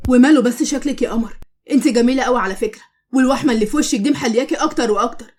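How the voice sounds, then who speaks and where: Woman doing a gentle young egyptian suitor. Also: fairly high pitch, rapid-fire, lightly acted. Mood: tender. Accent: Egyptian Arabic.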